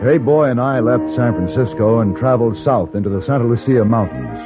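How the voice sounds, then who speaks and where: A man with an American accent playing a commanding, gentlemanly gunman who also narrates a radio western. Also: mid-range voice, animated, a little fast, natural voice. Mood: measured narration. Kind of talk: old-time radio western acting and narration. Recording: tinny vintage radio recording with music.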